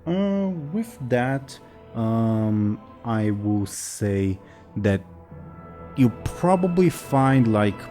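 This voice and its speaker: Animated, low-voiced male game master. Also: very slow, music in the background. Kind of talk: casual tabletop game narration.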